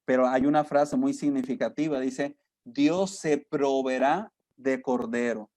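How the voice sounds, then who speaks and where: A man's voice: mid-range voice, a little slow, a little mellow, no room sound. A man with a Mexican Spanish accent preaching an earnest sermon to a men's group, calling them brothers and asking rhetorical questions. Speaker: missionary preacher.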